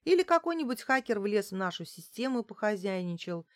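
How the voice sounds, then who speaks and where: Brief: woman reads a blunt, grudging young clerk, audiobook, mid-pitched, dry. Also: very animated, brisk, no room sound, close to an everyday voice. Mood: sour. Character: sour young woman at a phone exchange.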